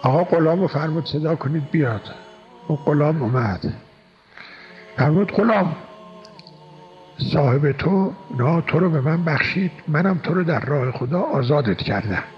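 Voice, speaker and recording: A man's voice: fairly high pitch, animated, long pauses. A man telling a religious story in a sermon, narrating steadily. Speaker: preacher. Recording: dull lo-fi sound with faint music.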